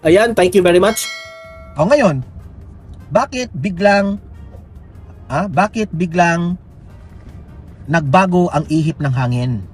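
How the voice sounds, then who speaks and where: A man's voice: sits high, animated, slow pace, pauses often, breathy edge, faint music behind. A Filipino man giving heated, mocking political commentary as a news vlogger, urging viewers to like and share. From Philippines.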